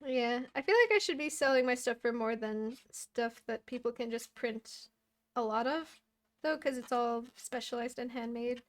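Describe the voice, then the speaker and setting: A woman who makes and sells handmade plushies, talking in a relaxed, rambling way in a casual chat with friends. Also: fairly high pitch, moderate pace. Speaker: crafter selling handmade plushies.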